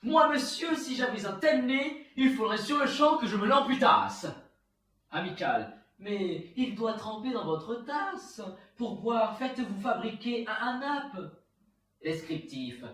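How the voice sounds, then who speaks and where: A man's voice: very high voice, very animated, slow pace, fairly bright tone, full character voice. A man playing a proud, witty, mocking swashbuckling poet, delivering a theatrical verse monologue like a hammy stage actor. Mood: mocking, playful. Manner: hammy, declamatory stage acting. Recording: roomy, echoing, far from the mic.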